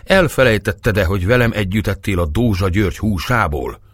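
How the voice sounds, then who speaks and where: A man voicing a stern old priest in a storybook reading, raised and loud in anger. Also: on the low side, expressive, slightly rough, no echo, studio quality, pitched above the performer's own voice. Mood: furious. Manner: shouting, indignant.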